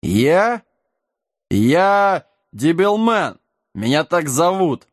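Man doing a hoarse, loutish dim giant. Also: on the high side, big pitch swings, very slow, no room sound, studio quality, pitched above the performer's own voice, full character voice. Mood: brash, touchy. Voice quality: hoarse and hollow. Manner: loutish, touchy, slangy. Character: huge dim-witted brash male giant.

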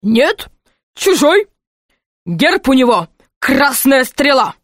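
A woman's voice: high voice, sing-song, takes it slowly, fairly bright tone, no room sound, clean studio sound, voice pushed up, full character voice. A woman voicing a pompous, boastful middle-aged knight, a marquis, who speaks in a grand, self-important way. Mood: indignant.

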